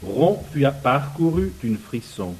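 Halting man reading and commenting. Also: mid-range voice, sing-song, darkish tone, husky, rough recording. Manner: halting, often searching for words. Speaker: speaker commenting on a book. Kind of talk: reading passages aloud and commenting.

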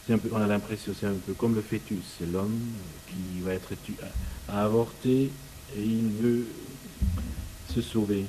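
A man reading book passages aloud and commenting on them, often halting to search for words. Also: fairly low pitch, steady tone, dark tone, slight background noise, poor audio.

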